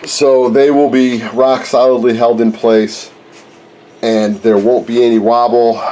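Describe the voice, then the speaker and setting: A man in his forties with a cold rambles and corrects himself while chatting casually in a workshop vlog, filming his home workshop on a handheld camera held close. He's an RC plane hobbyist who hosts the channel, and his mid-range, warm voice comes across flat and a little slow. The recording is rough, with slight background noise.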